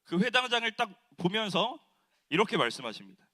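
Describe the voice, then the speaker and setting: Youth pastor guy preaching, high voice, swings up and down a lot, keeps asking the kids stuff. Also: brisk. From South Korea. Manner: animated, acts out quotes, asks the audience. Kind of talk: sermon to middle schoolers.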